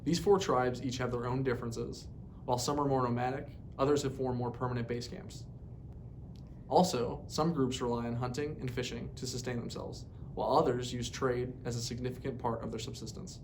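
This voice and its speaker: A steady-toned man moves briskly through a formal, scripted piece of educational narration. A poor mic recorded him, and a rumbling sound is plainly present in the background.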